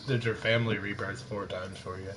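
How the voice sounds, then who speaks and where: A man's voice: lowish voice, fairly even intonation, brisk, background noise. A man streaming a game at home, chatting and teasing his family in a joking way. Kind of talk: casual family chat on a live stream.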